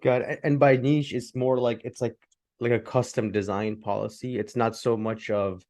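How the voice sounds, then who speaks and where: A man hosting a podcast who reads a scripted intro and then asks questions in a relaxed way. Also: medium pitch, moderate pace, no room sound, studio quality. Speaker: podcast host.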